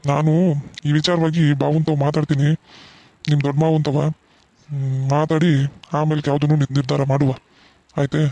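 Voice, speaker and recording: A man voicing a gentle middle-aged village father in a cartoon, soothing and reassuring his daughter. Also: fairly high pitch, little pitch movement, normal speed, pauses often, no room sound, natural voice. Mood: comforting. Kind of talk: cartoon voice acting.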